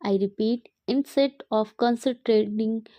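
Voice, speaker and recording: A woman teacher dictating an English passage in short, separated phrases, pausing deliberately between them. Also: fairly high pitch, steady tone, no echo, highs cut off. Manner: dictating word group by word group with deliberate pauses.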